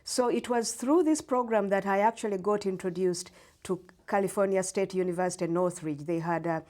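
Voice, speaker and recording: A middle-aged woman from Uganda is a guest on a local library show. She explains her background and her storytelling program in a measured, patient way. Her pitch sits in the middle range. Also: darkish tone. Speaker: guest storyteller and English professor. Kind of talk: interview answers.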